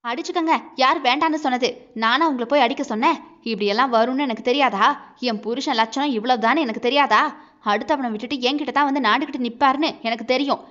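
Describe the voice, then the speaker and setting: A woman's voice: high-pitched, fast talker, fairly bright tone. A woman voicing a hurt young wife who argues back sharply and bitterly, in a dull lo-fi recording.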